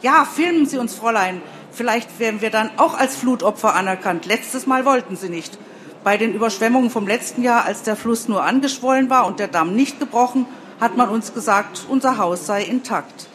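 A boastful, cheeky village man, as a woman telling a story puts him on complains about officials and then brags. The voice is pitched higher and louder than her narration, and there is faint background noise. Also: normal speed, natural voice. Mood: indignant. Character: proud, cheeky rural flood-victim man.

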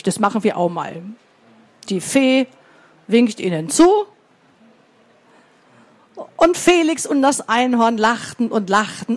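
Slow, high-voiced woman telling children a story. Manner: slow, expressive, asks the children questions. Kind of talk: reading a story aloud to children.

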